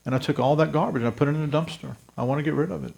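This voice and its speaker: A man's voice: fairly high pitch, fairly even intonation, very fast, creaky, darkish tone. A pastor in his fifties from South Louisiana, telling his life story to a congregation in an earnest, direct way. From South Louisiana, USA. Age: 50s. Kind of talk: testimony sermon.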